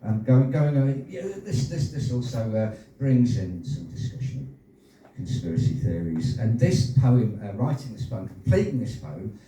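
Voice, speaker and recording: A man in his sixties performing his own rhyming poems at an open-mic night, with halting, chatty asides between pieces and casual swearing. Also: medium pitch, expressive, mellow. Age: 60s. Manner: rhythmic rhyming delivery, hesitant rambling asides, swears. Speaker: performance poet. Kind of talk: live poetry reading with chatty asides. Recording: very echoey room, distant, faint noise.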